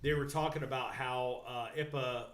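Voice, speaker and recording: A man's voice: mid-range voice, fairly even intonation, normal speed, a bit bright. A man co-hosting a casual sports talk show, rambling, swearing and laughing often. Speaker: podcast co-host. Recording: echoey room.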